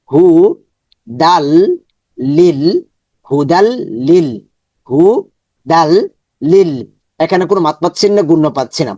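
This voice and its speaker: Step by step, a man with a highish, dark-toned voice teaches how to read the Quran, slowly breaking words into syllables and repeating them many times. He finishes by chanting the full words in drawn-out recitation, in a lo-fi recording with no room sound.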